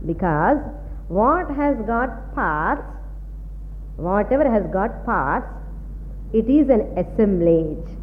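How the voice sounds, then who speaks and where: This woman, a Vedanta teacher with a South Indian Tamil accent, lectures on philosophy in two mixed languages, taking it slowly and pausing often in an animated, medium-pitched voice. Her didactic style repeats key phrases and checks comprehension, heard through tinny, phone-like audio with long reverb and a faint hum.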